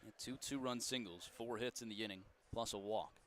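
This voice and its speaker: A man calling baseball play-by-play in a folksy, joking way, and he gets loud when the big plays come. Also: on the low side, brisk. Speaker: play-by-play announcer.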